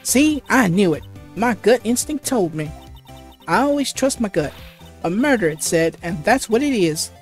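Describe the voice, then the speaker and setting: A woman voicing a brash, loud southern woman photographer in a game, pushy and hollering. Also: lowish voice, lively intonation, normal speed, few pauses, faint music behind, close to an everyday voice.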